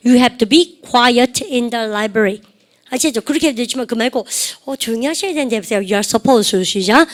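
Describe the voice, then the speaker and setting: Woman, English teacher, classroom lecture, fairly high voice, drills students on phrases. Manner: slow, drawn-out model sentences.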